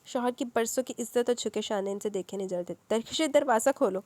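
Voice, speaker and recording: A woman's voice: dark tone, no room sound. A woman narrating a dramatic novel aloud, acting out the characters' lines with rising emotion. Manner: voices characters with raised emotional pitch.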